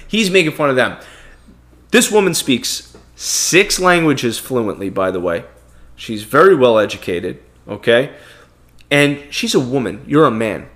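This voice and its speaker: A Brooklyn, New York man with a Brooklyn accent co-hosts a podcast, his mid-range voice a bit bright. His casual, opinionated talk is blunt and heated, and he repeats words.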